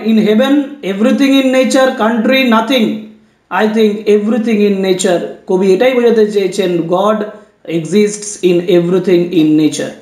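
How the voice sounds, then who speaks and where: A man teaching an exam-prep lesson, reading each English question slowly and then explaining it quickly in Bengali. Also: very high-pitched, echoey room.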